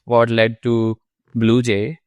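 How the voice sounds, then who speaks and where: A man hosting a podcast interview, talking in a loose, halting way with many fillers. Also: medium pitch, monotone, clear, resonant tone, dry recording. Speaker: podcast host. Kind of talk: casual interview chat.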